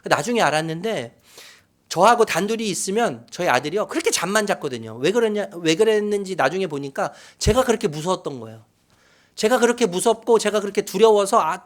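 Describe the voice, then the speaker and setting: A middle-aged man preaching a sermon as pastor, swinging from loud, animated outbursts to hushed whispers. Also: high-pitched. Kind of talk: sermon with acted quotes. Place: church sanctuary.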